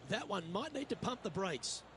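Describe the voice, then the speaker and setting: A man's voice: high voice, sing-song, moderate pace, background noise. A man working as lead golf commentator, calling play live in short phrases.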